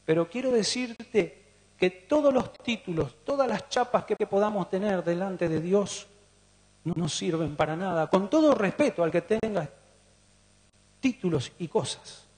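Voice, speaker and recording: A man's voice: high voice, lively intonation, measured pace, darkish tone. A man with a Rioplatense Spanish accent preaching a sermon, putting questions to the congregation. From Argentina. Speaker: pastor. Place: church hall. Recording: long church reverb.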